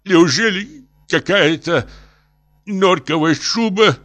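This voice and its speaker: A man voicing a drunk, distraught middle-aged professor who pleads in high, drawn-out wails. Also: a bit bright. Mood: anguished.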